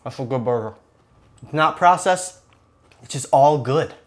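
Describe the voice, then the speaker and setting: Joking easily with the camera, a male cooking show host in his thirties demonstrates a dish in a home kitchen, keeping things casual as he cooks. His medium-pitched voice is expressive and moves at a measured pace.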